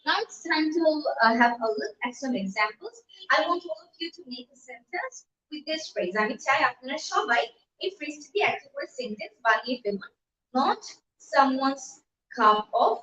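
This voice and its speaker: A high-voiced woman teaches English on a live stream, mixing with slow, careful English. Her voice sits back from the mic in an echoey room, with faint background noise. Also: a bit bright. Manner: switches between Bengali and slow deliberate English. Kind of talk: live-streamed language lesson. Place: room at home. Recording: echoey, distant, dull home mic.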